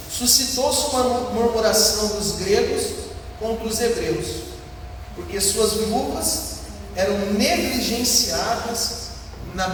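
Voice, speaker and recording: Speaking in an extremely high, somewhat bright voice, this Brazilian man preaches as a pastor, teaching a Bible passage with emphasis, rhetorical questions, and points he repeats. A distant microphone picks him up in an echoey hall with faint background noise.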